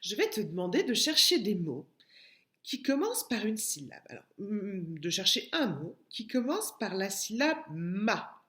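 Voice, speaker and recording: A French woman teaching young children in a recorded lesson, speaking gently and stretching out syllables. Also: medium pitch, very animated. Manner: slow, gentle, drawn-out syllables for small children. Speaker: preschool teacher. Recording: echoey room.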